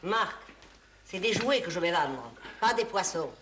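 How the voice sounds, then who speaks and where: A woman's voice: lowish voice, expressive. An actress playing a chatty, touchy older mother, in a noisy sitcom recording. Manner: quick to take offense, chatty.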